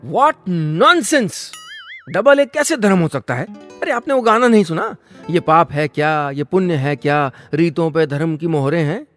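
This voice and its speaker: A man's voice: moderate pace, faint music behind, close to an everyday voice. A man voicing a pompous male job interviewer who lectures and mocks, slipping into English phrases. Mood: mock outrage. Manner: lecturing, mixes English phrases, swings pitch for effect.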